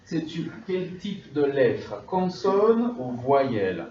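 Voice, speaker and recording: A man's voice: medium pitch, sing-song, slow pace, recorded from a distance, crowd noise. A man teaching a class, drilling students and checking in with them often. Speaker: French teacher. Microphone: distant room mic. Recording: dull, echoey, noisy classroom recording from afar.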